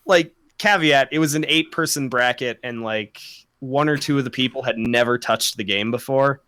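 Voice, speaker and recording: A man's voice: medium pitch, fairly bright tone, clean tone, no echo. A young man co-hosting a podcast, chatting casually, rambling, swearing a lot and laughing often. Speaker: podcast co-host. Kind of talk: casual chat.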